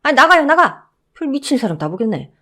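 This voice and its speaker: Woman voicing a mocking male security guard, blunt, drawling, lively pitch, storybook figure. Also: fairly quick, exaggerated voice.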